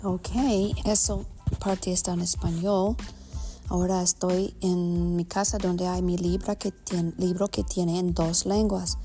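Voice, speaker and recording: Slow American-accented Spanish from a woman storybook reader. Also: lowish voice, flat delivery, warm tone, soft background music. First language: English. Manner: halting, self-correcting non-native Spanish. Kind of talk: reading a children's storybook aloud. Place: at home.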